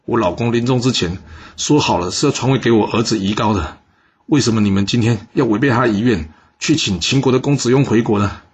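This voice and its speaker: A man's voice: brisk, breathy edge, lo-fi sound, lightly acted. A man voicing an indignant, grieving widowed duchess who demands answers from the court, in an audio story. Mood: indignant, pleading. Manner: shrill pleading accusation.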